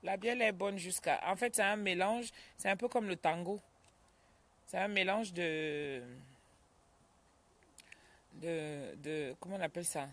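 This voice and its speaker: A woman hosting a casual live stream from home, chatting with viewers, greeting them by name and breaking off to calm a child. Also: on the low side, unhurried, pauses often.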